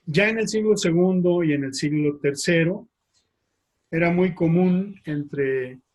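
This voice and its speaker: A man, a priest with a Mexican Spanish accent, giving a slide lecture, speaking haltingly with frequent fillers and tag questions. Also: a little high, a little mellow. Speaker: priest teaching.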